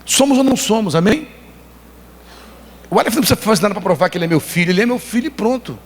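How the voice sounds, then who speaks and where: A Brazilian-accented man preaching a sermon in a church, telling stories with emphatic, animated emotion. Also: high voice, racing. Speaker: pastor. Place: church hall. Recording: long church hall reverb.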